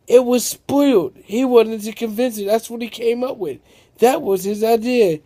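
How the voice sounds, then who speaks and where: A man's voice: extremely high pitch, normal speed, dark tone. A man improvising a story aloud, rambling and correcting himself as he goes.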